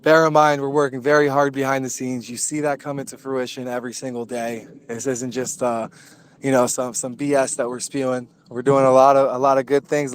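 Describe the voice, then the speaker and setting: A man's voice: medium pitch, clear, resonant tone. A man hosting a casual community voice chat, upbeat and rallying his listeners. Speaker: crypto community host.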